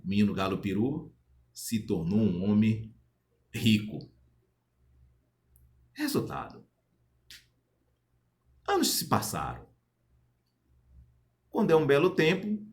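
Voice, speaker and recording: Low-voiced man telling a folk tale. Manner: rambling, repetitive, restarts words. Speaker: storyteller. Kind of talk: oral folk tale storytelling.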